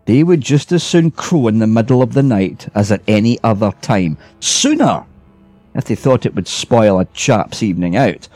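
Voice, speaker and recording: A man's voice: fairly low pitch, lively intonation, moderate pace, mellow, no room sound, soft background music. Weary old-style ghost guy complaining, a man doing it in a storybook reading, dry close sound. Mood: bitter. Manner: grumbling complaints, then friendly. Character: weary grumbling male ghost, sociable but bitter.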